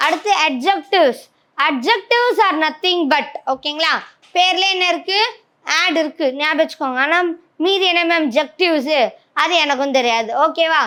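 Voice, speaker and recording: A woman with a Tamil accent gives an English grammar lesson in a very high voice. She explains each point step by step and keeps checking whether her students follow. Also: a bit bright. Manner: checks understanding with frequent "okay?".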